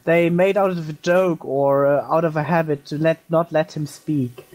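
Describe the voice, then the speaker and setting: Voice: medium pitch, fairly even intonation, normal speed, a little mellow. A podcast panelist talking eagerly, interrupting others and rambling through points. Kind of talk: casual podcast discussion.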